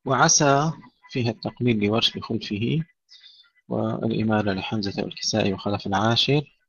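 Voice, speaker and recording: A man teaching Quranic recitation rules, slowly reciting short verses and then explaining each letter, recorded dry on a dull lo-fi mic. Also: fairly low pitch, creaky, fairly bright tone, a little hiss or hum. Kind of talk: tajweed lesson.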